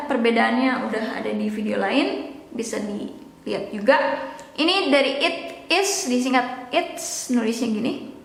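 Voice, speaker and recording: A young woman giving a casual language lesson, explaining slowly, repeating words and joking now and then. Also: sits high, fairly bright tone. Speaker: English teacher. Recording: echoey room with long reverb.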